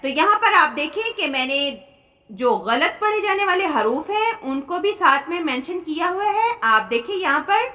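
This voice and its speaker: A high, bright female voice with a Pakistani Urdu accent. She teaches in a steady explanatory way, and she stretches out the example phrases when she recites them. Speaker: Quran tajweed teacher. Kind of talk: recorded lesson explaining recitation errors.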